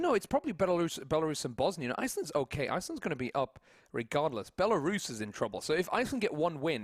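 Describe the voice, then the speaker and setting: A man hosts a live esports broadcast in an upbeat, chatty voice. His pitch sits in the ordinary middle range, and he often corrects himself as he talks. The sound is dry and close, with no room around it. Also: no echo. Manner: upbeat and talkative, with frequent restarts. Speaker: esports host commentator.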